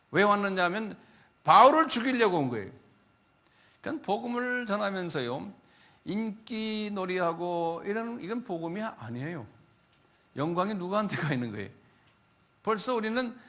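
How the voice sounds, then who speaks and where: A male pastor giving a Bible lecture, telling the story in a conversational way and often asking his listeners questions. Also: high voice. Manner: animated storytelling, acting out biblical quotes; conversational, asks the audience questions.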